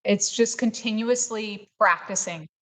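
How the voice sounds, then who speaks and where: A woman hosting a wellness podcast, talking in a calm, coaching way in casual chat. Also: mid-range voice, unhurried. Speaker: podcast host, wellness doctor.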